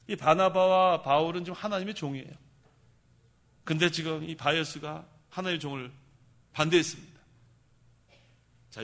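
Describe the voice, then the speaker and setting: A male pastor preaching a sermon. He asks the congregation questions, answers them himself, and shouts for emphasis. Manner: shouts for emphasis, then drops low.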